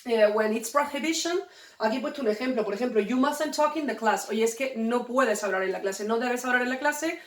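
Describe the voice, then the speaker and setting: A woman's voice: a little high, a little fast, distant mic. Playful woman teaching English grammar. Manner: playful, jokey explanations. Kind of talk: explaining grammar to students. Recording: echoey room, voice away from the mic.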